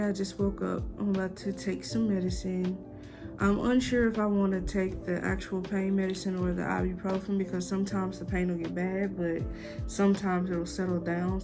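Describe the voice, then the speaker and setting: A young woman talks casually to her vlog audience in an informal, chatty way. Her voice has a noticeable creak and sits at a medium pitch, with music playing behind her. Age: young adult. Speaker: vlogger. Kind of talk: casual vlog chat to camera.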